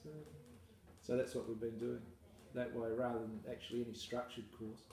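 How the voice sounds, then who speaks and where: An Australian man, a farmer, talking casually and at length in an interview, relaxed and self-deprecating. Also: mid-range voice, moderate pace, creaky. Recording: echoey room, mic far off, faint noise.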